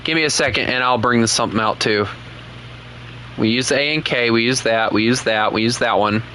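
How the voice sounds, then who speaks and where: A game streamer with a Southern US accent plays a truck game while chatting relaxedly with his viewers. His mid-range voice moves a little fast, and there is a little hiss or hum.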